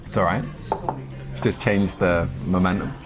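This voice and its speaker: A man's voice: low voice, fairly even intonation, moderate pace. A man from Bath with a southern English accent on a date, talking dry and awkward. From Bath, England. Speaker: date, comedian. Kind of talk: casual conversation on a date. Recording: music playing behind.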